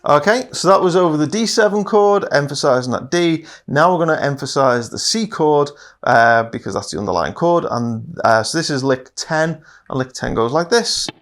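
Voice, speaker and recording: A man with a slightly raised speaking pitch talks through a guitar lesson at an unhurried pace. He explains each step patiently and marks every new part with a relaxed "okay". Soft guitar playing can be heard faintly behind him. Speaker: guitar teacher.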